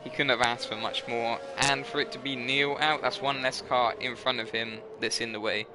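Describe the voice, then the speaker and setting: A man's voice: mid-range voice, steady tone, moderate pace. Tired young guy doing race commentary, keeps correcting himself, noisy background hum. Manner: rambling, self-correcting, tired. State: tired, yawning. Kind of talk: live sim racing commentary.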